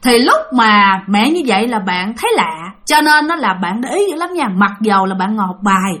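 Speaking briskly and with great animation, a woman with a Southern Vietnamese accent chats her way through a ghost story, addressing her audience directly. Her pitch is fairly high and her tone a bit bright.

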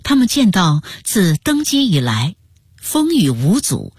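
A woman narrating a scripted historical radio story, slow and hushed, at times close to a whisper. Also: mid-range voice, wildly swooping pitch, breathy edge, no room sound.

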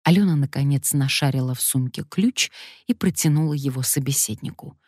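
A woman narrating an audiobook in a measured, expressive reading. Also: extremely low pitch, dry recording, clean studio sound. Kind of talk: scripted narration.

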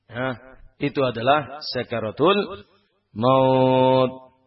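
Animated preacher, husky voice. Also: male voice, mid-range voice, very slow, muffled recording. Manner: animated, rhetorical questions to the audience, swings from loud to hushed. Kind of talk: Islamic study sermon.

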